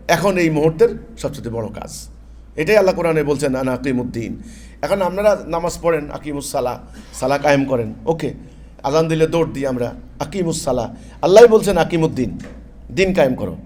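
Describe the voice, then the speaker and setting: A man's voice: a little high, lively intonation, brisk, warm tone, a little hiss or hum. A man from Bangladesh giving an emphatic sermon-style religious talk, repeating key phrases and mixing in English words. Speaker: Islamic preacher.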